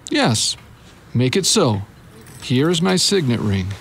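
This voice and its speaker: Slow, lilting, vain old-world king, acted by a man. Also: mid-range voice, sing-song, fairly bright tone, slight background noise, exaggerated voice. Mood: flattered, pleased. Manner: theatrical, hesitant, regal. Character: vain, easily flattered but kindhearted ancient king.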